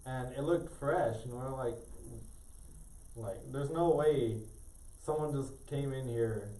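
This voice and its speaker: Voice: medium pitch, slow pace, warm tone. A teenager casually telling friends a story, loose and full of fillers. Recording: roomy, far from mic, faint noise.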